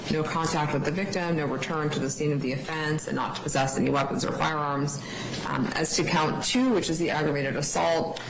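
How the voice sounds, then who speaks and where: Low-voiced woman judge in a courtroom recording. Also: steady tone, a little fast. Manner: procedural, reads out conditions one by one. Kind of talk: courtroom proceedings. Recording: echoey courtroom audio with loud background noise.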